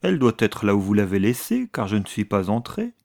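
A man voicing a male servant who answers quickly and defensively, reading dialogue for an audiobook. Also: fairly low pitch, big pitch swings, creaky, darkish tone.

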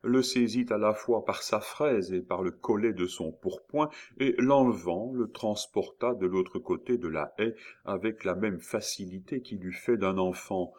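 A male narrator reads a classic novel at a very unhurried, deliberate pace. His voice sits fairly low, and he slips in an occasional hesitant filler. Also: darkish tone. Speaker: audiobook narrator.

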